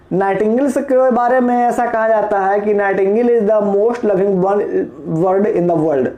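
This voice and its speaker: A male teacher from Bihar, India, gives a patient, explanatory vocabulary lesson, spelling words letter by letter and asking the class questions. His voice is high-pitched with a dark tone, and the room is echoey.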